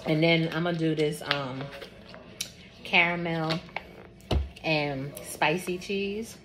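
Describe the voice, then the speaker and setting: A woman's voice: low voice, steady tone, takes it slowly. A woman hosting a casual cooking vlog, chatting and tasting food on camera. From Georgia, US. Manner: chatty, tastes on camera with mouth full. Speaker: cooking channel host. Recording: audible background noise.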